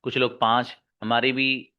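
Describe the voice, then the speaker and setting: A man teaching English grammar in an online lesson, slowly repeating key words and answering his own questions for his students. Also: medium pitch, flat delivery, clear, resonant tone, muffled recording. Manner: calls listeners "babu" and "my friend".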